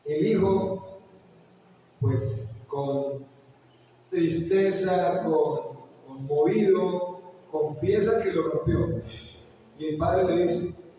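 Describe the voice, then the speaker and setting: A man's voice: fairly high pitch, drawn-out words, pauses often, dark tone, slight background noise. A man preaching a sermon as pastor, telling a story and putting questions to the congregation. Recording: echoey hall, picked up from far off.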